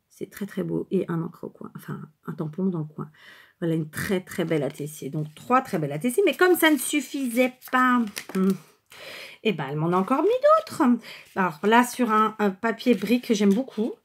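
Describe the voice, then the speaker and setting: Chatty breathy woman, rambling show-and-tell. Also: medium pitch, expressive, normal speed. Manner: chatty, rambling, many hesitations and self-corrections. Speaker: vlogger showing received craft cards. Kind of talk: casual unscripted show-and-tell.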